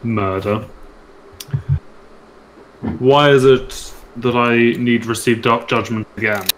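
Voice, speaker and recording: A man's voice: mid-range voice, steady tone, takes it slowly, slight background noise, close to an everyday voice, rough recording. A man voicing a grim warrior in a tabletop game, speaking stiffly and formally. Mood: sullen.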